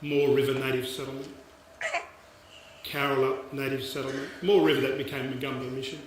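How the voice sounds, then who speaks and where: Australian man, 60s, halting and reflective public speaker; very echoey, distant hall sound with some noise. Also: mid-range voice, level tone. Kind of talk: informal public speech.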